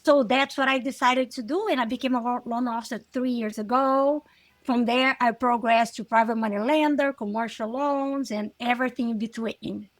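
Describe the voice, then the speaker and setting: A woman in her forties from Brazil with a Brazilian Portuguese accent, telling her story as an interview guest over a video call from home, animated and talking with her hands. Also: fairly high pitch, normal speed, no echo. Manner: animated, gestures with her hands, simple phrasing. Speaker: guest, loan officer and investor. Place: home living room. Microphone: earbud on video call.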